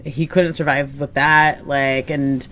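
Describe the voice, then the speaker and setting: Young woman, low pitch, casual podcast chat, rambling, laughs a lot. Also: little pitch movement, takes it slowly, fairly bright tone, a little hiss or hum. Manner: rambling, laughs often, trails off with fillers. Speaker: podcast co-host.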